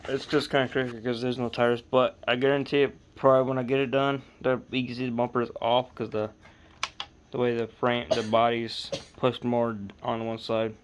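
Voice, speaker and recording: A man's voice: mid-range voice, little pitch movement, moderate pace, a little hiss or hum. Sleepy, rambling hobbyist man. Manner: rambling, easygoing, self-correcting. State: sleepy, late at night. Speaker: RC hobby vlogger. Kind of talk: casual build update vlog.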